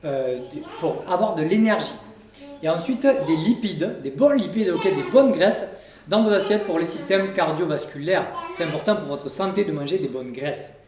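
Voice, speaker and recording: A man's voice: high voice, darkish tone. A man, a fitness coach, giving casual, direct diet advice at home and talking straight to the viewer. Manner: direct, informal, addresses viewer with "tu". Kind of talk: casual coaching talk to camera. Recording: roomy echo, from a distance.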